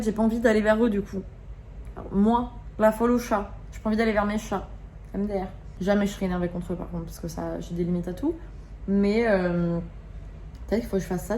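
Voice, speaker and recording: A woman's voice: mid-range voice, dark tone, a little hiss or hum. A young woman vlogging at home, talking casually and candidly in slangy speech, openly irritated. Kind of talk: casual confessional vlog.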